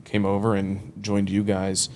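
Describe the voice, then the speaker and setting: His delivery is completely flat and unhurried, in a lowish, slightly dark voice, with some background noise. The speaker, a loan officer in his early thirties, tells his career story in a casual interview, rambling, acting out what people said, and laughing often.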